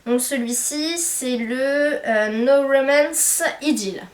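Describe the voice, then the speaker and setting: A young woman with a slightly high voice chats about beauty buys, filling her sentences with hesitant fillers. She is recorded from a little way off the mic, and the room adds a clear echo. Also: takes it slowly, far from the mic. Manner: chatty, many hesitant fillers. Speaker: beauty vlogger. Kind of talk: casual haul chat to camera.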